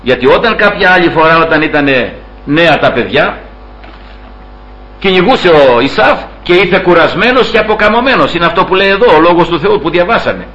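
A man preaching a sermon, retelling a story with lively acted-out dialogue and occasional laughter. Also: highs cut off. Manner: acts out quoted dialogue with raised pitch, laughs while telling.

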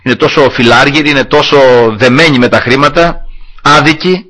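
A man's voice: fairly high pitch, bright, forceful tone. A man preaching a sermon to his congregation, telling a personal story and acting out the dialogue in it.

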